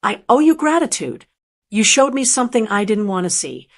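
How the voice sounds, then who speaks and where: A woman's voice: on the high side, sing-song, moderate pace. A woman voicing an adult daughter-in-law who is humbled and sincere, in a storybook narration.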